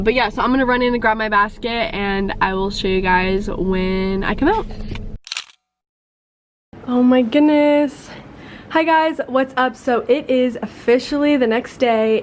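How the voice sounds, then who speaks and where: Young female college vlogger, bubbly sorority-girl energy, high-pitched, casual to-camera chat over noticeable background noise. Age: young adult.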